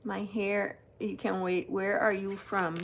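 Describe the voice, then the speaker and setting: A tarot channel host from New Jersey, United States, runs a live-stream card unboxing, chatting and greeting viewers by name as she shows the cards. Her mid-range voice is creaky and level in tone, slow and unhurried, with a little hiss or hum in the audio.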